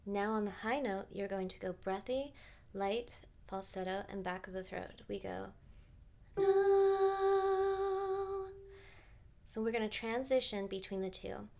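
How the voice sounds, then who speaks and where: A woman vocal coach calmly guiding singers through vocal exercises step by step, with short sung demonstrations. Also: mid-range voice, normal speed. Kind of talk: guided vocal exercise instruction.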